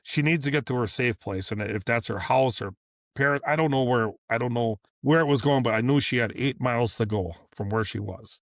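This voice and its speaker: A man's voice: mid-range voice, brisk, dry recording, clean studio sound. A man, a repair shop owner, telling a long story in a casual podcast interview, rambling and acting out what people said. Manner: rambling, repeats and restarts, acts out dialogue. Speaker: business owner guest.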